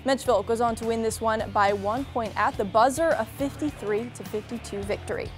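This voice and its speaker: A young woman sports reporter narrating high school basketball highlights in a punchy, upbeat scripted delivery from a TV news studio. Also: fairly quick, faint music behind.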